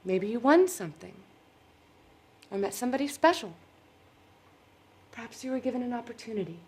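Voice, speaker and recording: A woman's voice: on the high side, animated, fairly quick, a little mellow. An actress playing an inexperienced woman therapist leading a support group, with earnest, probing questions. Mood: soothing.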